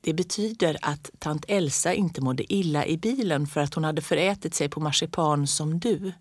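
A woman reading a kind old grandmother who speaks softly and confidingly. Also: low voice, breathy edge, no room sound. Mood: hushed.

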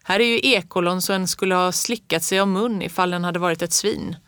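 A woman reading the part of a calm old country man who likes to tell omens, in an unhurried homespun way. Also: lowish voice, no room sound, clean studio sound. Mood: folksy.

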